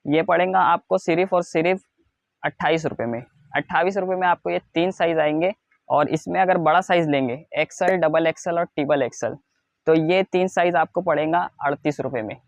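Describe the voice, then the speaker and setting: An Indian man giving a product showcase as a wholesale seller, in a repetitive, insistent sales pitch that stresses low prices. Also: a little fast, creaky, no echo. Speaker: wholesale clothing seller presenting stock.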